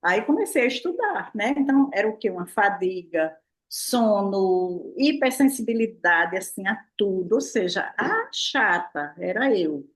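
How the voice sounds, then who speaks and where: A woman's voice: mid-range voice, unhurried. An older woman speaking as a therapist, in a casual, playful talk, often asking herself questions. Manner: lively, playful, full of "né?" and rhetorical "o quê?". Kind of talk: casual explanatory talk to a live online audience.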